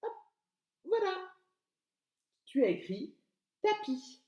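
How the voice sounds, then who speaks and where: A woman kindergarten teacher giving a remote literacy lesson to young children, slowly and patiently sounding out letters and syllables. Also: medium pitch, expressive, a little mellow. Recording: echoey room.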